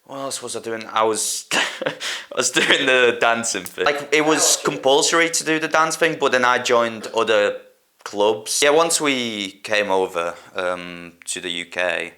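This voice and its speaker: A young Hungarian man, a band drummer whose first language is Hungarian, speaks in a casual documentary interview, hesitant and searching for words with lots of "like" and "um." His voice is medium-pitched, animated and bright, with a forceful tone and a measured pace.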